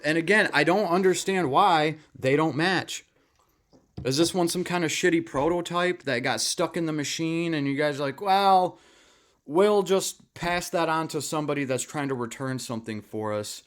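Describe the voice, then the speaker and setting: Angry man ranting, swearing. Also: mid-range voice. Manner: exasperated, profane, repeats himself. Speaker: hobbyist vlogger. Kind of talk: angry rant to camera.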